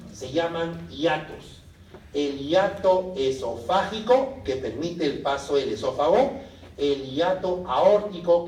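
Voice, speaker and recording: A man gives a medical lecture, voice a little high and lively. He keeps asking the class questions and answering them himself. The sound is roomy and picked up from across the classroom. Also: slight background noise. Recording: echoey room from a distance.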